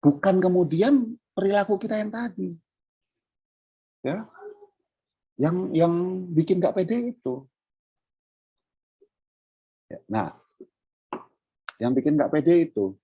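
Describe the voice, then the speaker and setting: A man from Indonesia giving a casual parenting talk over a video call, explaining in a relaxed way and acting out what a parent says to a child. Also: high voice, slow pace, long pauses, slightly rough, muffled recording. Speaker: guest speaker on parenting.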